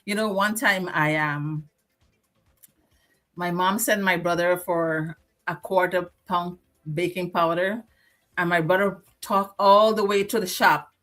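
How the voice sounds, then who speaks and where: Animated Guyanese woman telling stories. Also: on the low side, slow, faint music behind. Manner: animated nostalgic storytelling. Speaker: co-host. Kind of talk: casual live-stream chat.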